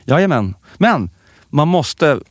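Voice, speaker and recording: Man, podcast co-host, casual chat, lively swooping pitch, dry close sound. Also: no room sound. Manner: animated storytelling, lively pitch.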